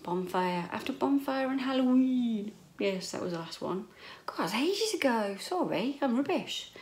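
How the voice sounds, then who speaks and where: A middle-aged British woman vlogs casually to a handheld camera held at arm's length in a small, echoey bedroom at home, rambling, playful and mildly sweary. Her voice is on the high side, very animated and darkish, at normal speed.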